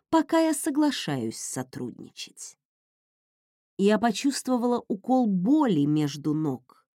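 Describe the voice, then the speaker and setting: A woman reading a first-person audiobook in a slow, expressive, dramatic manner. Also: a little high, dry recording, clean studio sound. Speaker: audiobook narrator.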